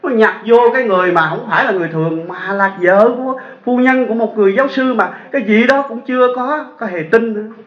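A man's voice: sits high, quick pace, few pauses. A man with a Southern Vietnamese accent, a Buddhist monk telling a story in a sermon and putting rhetorical questions to his audience. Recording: echoey dull lo-fi sound.

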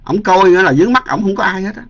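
A man's voice: high-pitched, lively intonation, racing, vocal fry. A man, a Buddhist monk teacher telling a story in a dharma talk, chatty, with many fillers and repeated words. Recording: dull lo-fi recording.

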